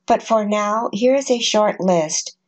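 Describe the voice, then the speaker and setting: A woman in a scripted narration, reading scripture and numbered points at a measured, even pace. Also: mid-range voice. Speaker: prophecy narrator.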